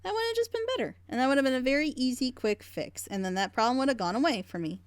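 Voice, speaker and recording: Her high voice moves quickly as she gives a reaction show's casual, opinionated take on an animated series, spelling out her critique at length.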